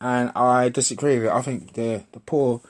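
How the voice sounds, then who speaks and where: A man's voice: medium pitch, normal speed. Man, fifties, British accent, blunt, foul-mouthed, repetitive vlog rant. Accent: British English. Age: 50s. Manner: blunt, repetitive, swears a lot, says mate. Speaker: vlogger.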